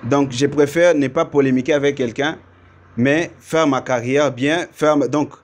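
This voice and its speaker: A man from Congo answers questions about his music in an easygoing, unhurried way. His voice sits at a middle pitch, and he thinks aloud, piling up small fillers and restarts as he explains. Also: steady tone. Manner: thoughtful, explains at length with fillers. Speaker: musician guest. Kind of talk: casual interview talk.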